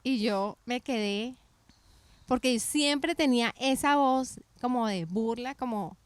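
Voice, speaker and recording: A middle-aged woman with a bright, slightly high voice tells her story in a relaxed faith podcast conversation. She talks with energy and keeps restarting and correcting herself mid-sentence. The sound is close and dry, with no room echo. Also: takes it slowly. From Colombia. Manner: animated storytelling with many restarts and self-corrections. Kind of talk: casual faith podcast chat.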